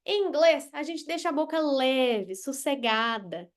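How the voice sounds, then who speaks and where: A woman's voice: high voice, expressive, unhurried. A Brazilian woman teaching a live English lesson, blunt and playful, drilling words with exaggerated pronunciation.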